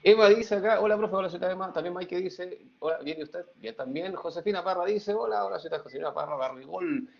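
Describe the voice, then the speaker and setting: A middle-aged man teaching over a video call, joking with his students before explaining the material. His voice is a little high and gravelly. The sound is dull and lo-fi. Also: brisk, hardly any pauses. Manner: reads student chat aloud, playful. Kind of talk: online class lecture.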